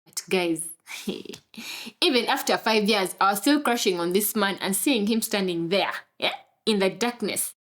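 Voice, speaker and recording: Brief: young woman, Ugandan English accent, comic storyteller, dramatic delivery with lots of exclamations. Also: medium pitch. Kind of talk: comedic storytelling monologue. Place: film studio.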